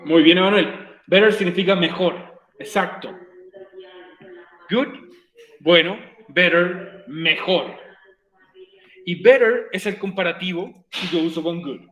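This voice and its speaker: A Chilean male teacher guiding students through English grammar, repeating each word and question. His voice sits on the high side for a man. The room around him rings with a noticeable echo. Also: measured pace, long pauses, a bit bright, soft background music. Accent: Chilean Spanish. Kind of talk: recorded virtual class, explaining grammar in Spanish.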